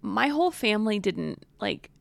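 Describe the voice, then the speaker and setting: A young woman co-hosting a podcast, telling stories in lively casual chat. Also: mid-range voice, normal speed, gravelly, no echo. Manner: animated storyteller, breaks into loud chants. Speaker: podcast co-host.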